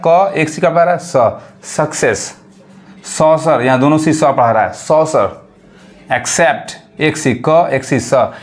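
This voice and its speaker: A man teaching English phonics to beginners in a Hindi accent, asking questions and repeating each word slowly. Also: on the high side.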